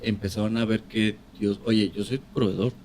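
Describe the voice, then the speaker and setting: A man's voice: on the low side, steady tone, normal speed, darkish tone, slight background noise. A man hosting a podcast interview, affirming his guests with frequent agreement. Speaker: podcast host.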